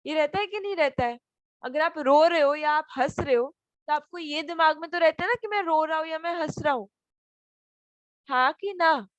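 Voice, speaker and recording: A woman's voice: sits high, normal speed, dry recording, dull audio. A woman teaching an online class for children, patiently asking them questions over a video call. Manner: patient, asks many questions.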